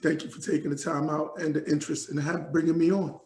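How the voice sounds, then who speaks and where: Gravelly New man, rambling. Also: on the high side, flat delivery, fast talker, darkish tone, reverberant, rough recording. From Jamaica, raised in New York. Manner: rambling, many fillers and restarts. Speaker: hip hop artist, guest. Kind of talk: casual interview talk.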